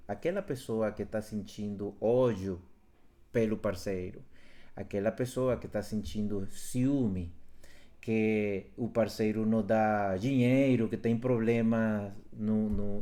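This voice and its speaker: A workshop facilitator livestreams from home, giving a talk on relationships in which he speaks earnestly about love and self-awareness. His voice is lowish and dark, and he repeats phrases for emphasis.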